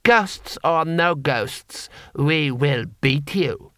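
A man voicing a cold, scheming older imperial lord who speaks slowly and haughtily. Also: fairly high pitch, bright, forceful tone, no room sound, clean studio sound, exaggerated voice. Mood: scornful. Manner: slow, haughty, menacing.

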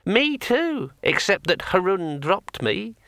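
A bossy talking sword, as a male narrator puts it on, with a thin, high, ringing voice that keeps leaping up and down. Each word is drawn out slowly and lands with bright, sharp edges. It sounds dry and close. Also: very animated, no room sound, full character voice. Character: talking magic sword, male, pushy and chatty. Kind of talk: audiobook character voice.

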